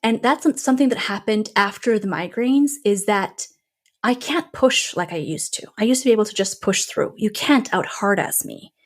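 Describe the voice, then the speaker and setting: A native Norwegian-speaking woman, a money coach, appears as a guest on a relaxed podcast interview. She's lively and playful, often acting out little scenes, speaking at normal speed in a mid-range voice.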